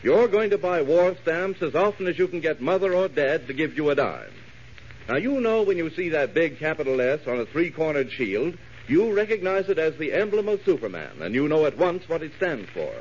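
Male old radio announcer, emphatic sales delivery, slightly high voice, muffled vintage recording. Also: big pitch swings, normal speed, husky.

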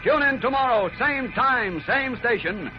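A man's voice: very high voice, animated, measured pace. An American man announcing and narrating a radio serial in an urgent, theatrical 1940s old-time radio style, building suspense. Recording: muffled old radio broadcast, loud music behind. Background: loud music.

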